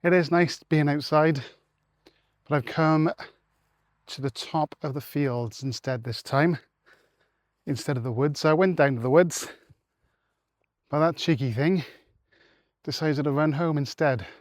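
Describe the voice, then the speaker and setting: A man's voice: a little high, a little slow, pauses often, no echo. Man, casual walking vlog, rambling with fillers, a bit breathless, dry open-air sound. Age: adult, married. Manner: rambling, with many fillers and restarts. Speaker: vlogger. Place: open fields outdoors.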